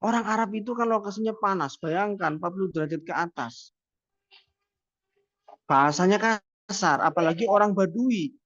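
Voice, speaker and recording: A man's voice: sits high, normal speed, pauses often, fairly bright tone, no echo. A man giving a university lecture, talking conversationally and posing rhetorical questions he then answers. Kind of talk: classroom lecture. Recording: dull, dry lo-fi sound.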